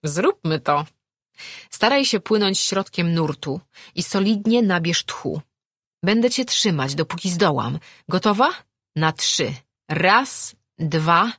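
A woman's voice: lowish voice, animated, slow pace, fairly bright tone, slightly rough, no echo, studio quality, heavily acted. A woman voicing a cheerful, bold young sea-dwelling boy with a confident, teasing manner.

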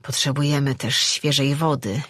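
A narrator voicing an anguished young man in a fantasy audiobook. He pleads and accuses by turns, his voice slightly husky and close, with no room around it. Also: mid-range voice, fairly even intonation, moderate pace, a bit bright, no room sound. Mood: calm. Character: desperate young man who is a created being. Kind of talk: audiobook reading.

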